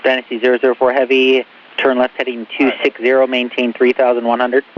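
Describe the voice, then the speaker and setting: An airport tower controller gives air traffic instructions over the radio, speaking at a medium pitch in a monotone and a little fast. The transmission sounds muffled, with faint hiss.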